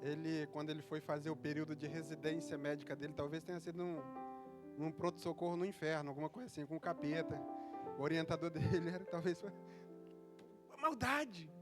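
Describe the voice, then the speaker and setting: A high-pitched man delivers a sermon into a church microphone, moving from chatty, rambling storytelling to impassioned preaching. Instrumental music plays clearly behind him throughout. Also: brisk. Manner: conversational storytelling, rising to fervent preaching. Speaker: pastor.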